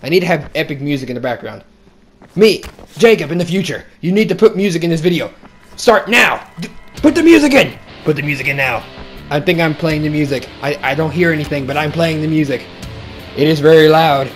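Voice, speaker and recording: A young man giving excitable, casual commentary as he plays a game, talking to himself and his viewers. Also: fairly high pitch, brisk, faint music behind. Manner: excitable, talks to himself and viewers, shouts when he falls. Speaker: gaming video host.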